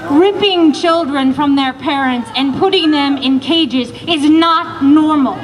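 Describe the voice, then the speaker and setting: A woman's voice: high-pitched, unhurried. An American woman giving an impassioned, emphatic rally speech, projecting her voice to a crowd outdoors. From Iowa, United States. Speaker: rally speaker. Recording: noisy live rally with crowd sounds.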